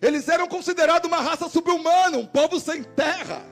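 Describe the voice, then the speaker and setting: A man with a Brazilian Portuguese accent, a pastor giving an animated sermon and acting out the dialogue in his stories. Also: extremely high pitch, a little fast, gravelly, faint music behind. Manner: animated preacher voicing quoted dialogue. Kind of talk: sermon with storytelling. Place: church service.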